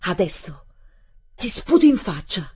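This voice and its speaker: A woman voicing a hot-tempered boy who shouts in anger to defend his father. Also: medium pitch, sing-song, a little slow, breathy edge, heavily acted. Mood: furious.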